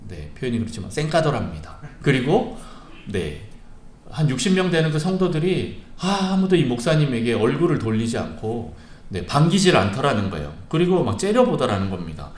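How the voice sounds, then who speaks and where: A male pastor delivers a sermon in a church sanctuary, his voice rising and falling with lively swings in pitch. He tells a story with plenty of "uh" pauses, and the room adds a noticeable echo. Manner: storytelling with frequent "uh" pauses and vivid retelling.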